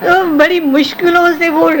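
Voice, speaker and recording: A woman's voice: very high-pitched, a crowd in the background, low-quality recording. An older woman, a former film actress, reminiscing in an interview and acting out the voices of people she quotes. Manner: animated storytelling, acts out quoted voices.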